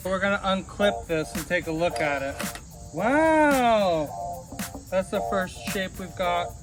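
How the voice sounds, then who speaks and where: A woman hosting a parody cooking and craft show, explaining each step with gushing, playful over-excitement. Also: fairly low pitch, moderate pace, music in the background, rough recording. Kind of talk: mock-earnest cooking and craft demo.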